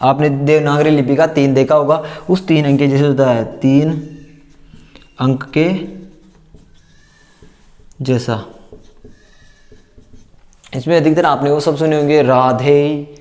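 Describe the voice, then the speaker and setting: A man's voice: fairly high pitch, steady tone, a little mellow. Male teacher dictating a lesson. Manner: repeats terms slowly, asks and answers his own questions; dictates as he writes. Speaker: Hindi teacher. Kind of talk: classroom lesson at a board.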